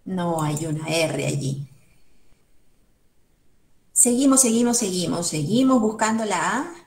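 A woman's voice: fairly low pitch, expressive, a little slow, gravelly, a little mellow, roomy sound. A woman with a Peruvian Spanish accent, a museum educator guiding children through a word search in an online class, thinking aloud step by step. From Peru.

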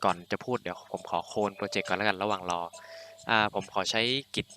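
A man's voice: deep voice, steady tone, quick pace, bright, forceful tone. Chatty young man explaining code. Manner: loose and chatty, frequent fillers and self-corrections. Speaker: programming tutorial host. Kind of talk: casual screen-recorded coding tutorial.

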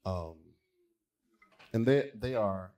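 A man's voice: fairly low pitch, expressive, takes it slowly. A man, a pastor, leading a church brunch and inviting families up to share gifts of love. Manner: warm, encouraging, calls people up. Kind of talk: hosting a church brunch presentation.

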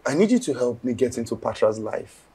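An actor playing an earnest young Nigerian man in a film drama, with a husky, gravelly voice. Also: mid-range voice, big pitch swings, a little fast, dark tone.

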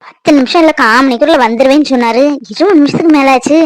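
A woman voicing an emotional, affectionate young wife in a cartoon, tearful and excitable. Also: sits high, fast talker, dry recording, close to an everyday voice. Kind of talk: Tamil cartoon voice acting.

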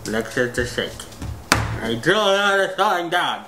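A man's voice: on the high side, big pitch swings, takes it slowly, echoey room. A man in his thirties speaking casually with his lips stretched wide by a mouth guard, slurred and lisping as he reads phrases. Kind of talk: casual challenge video, reading nonsense phrases. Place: small indoor room at a table. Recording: noisy home room recording.

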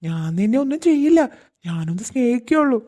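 An actor voicing a possessive, cruel adult male abductor in a cartoon. He speaks, coaxing and threatening in a slow, insistent way. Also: medium pitch, sing-song, mellow, close to an everyday voice. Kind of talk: cartoon voice acting. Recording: music playing faintly underneath.

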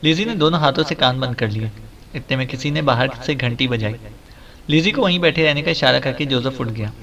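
A man narrating a novel audiobook in a steady, measured reading. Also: mid-range voice.

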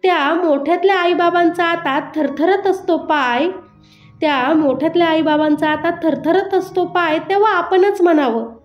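A woman's voice: very high voice, normal speed. A woman with a Marathi accent, a mother tenderly reciting a poem she wrote for her young child, saying each line twice. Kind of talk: recited poetry. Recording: roomy lo-fi recording over soft music.

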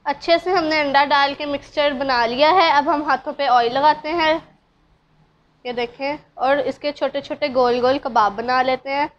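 A woman with a Pakistani Urdu accent hosting a cooking channel, narrating a recipe step by step in a calm, instructive way and addressing viewers directly. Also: sits high, moderate pace. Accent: Urdu-speaking Pakistani. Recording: dull lo-fi sound, faint room ambience.

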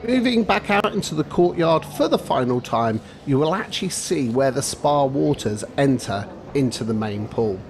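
A middle-aged man narrating a travel vlog voice-over, measured and guide-like, giving practical tips. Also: medium pitch, lively intonation, darkish tone, slight background noise. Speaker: travel vlogger.

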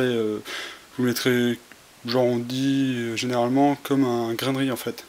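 A man giving a casual how-to demonstration, talking through each step with many fillers and restarts while he works with his hands. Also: medium pitch. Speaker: tutorial presenter. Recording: faint hiss, home camera audio.

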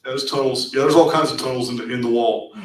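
A man's voice: medium pitch, fast, distant mic. Echoey man lecturing from across a room. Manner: animated, repeats words, many restarts. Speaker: presenter at a meetup. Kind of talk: casual lecture to a small audience. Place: meeting room with projector screen. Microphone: far camera at back of room.

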